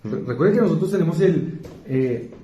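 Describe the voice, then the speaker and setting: A man with a Colombian accent preaching an evangelical sermon, moving between fast emphatic repetition and slow quiet asides, often asking the congregation questions. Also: fairly high pitch, lively intonation, muffled recording. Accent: Colombian Spanish. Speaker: pastor. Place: church. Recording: echoey church hall.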